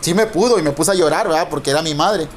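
A middle-aged male pastor preaching a sermon, emphatic and drawing out key words slowly. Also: fairly high pitch, a little hiss or hum.

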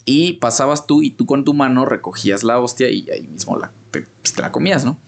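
Gravelly Mexican man telling a rambling story. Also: medium pitch, expressive, fairly quick. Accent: Mexican Spanish. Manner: rambling storyteller, full of slang and fillers. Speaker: podcast co-host. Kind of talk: casual conversation.

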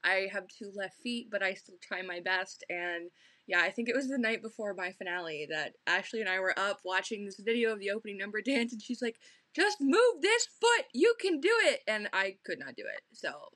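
A woman's voice: mid-range voice, brisk, pushed and bright, no echo. A young adult woman, a pageant titleholder, chatting earnestly as a podcast guest, full of little fillers. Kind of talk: casual podcast chat.

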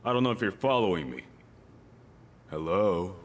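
A man's voice: mid-range voice, expressive, unhurried, a bit bright, slight background noise. A male pastor preaching a sermon, emphatic and repeating his key lines, with joking asides to the congregation.

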